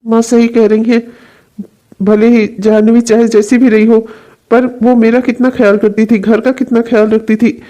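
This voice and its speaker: A woman voicing a troubled young husband in a cartoon, brooding and quick to anger. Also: fairly high pitch, little pitch movement, close to an everyday voice. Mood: regretful. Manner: brooding, then shouting in anger. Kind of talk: cartoon voice acting.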